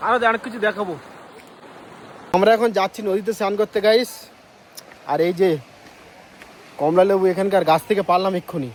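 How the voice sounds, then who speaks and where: A man with a high-pitched voice narrates a casual travel vlog outdoors beside a river. He talks in a chatty, excited way straight to his viewers. Faint noise from outside sits behind him. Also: a little fast, long pauses. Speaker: travel vlogger.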